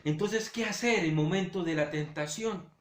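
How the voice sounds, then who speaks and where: High-voiced male pastor preaching. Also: moderate pace, echoey room. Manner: swings between loud urging and hushed low delivery; direct address to listeners. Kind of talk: sermon.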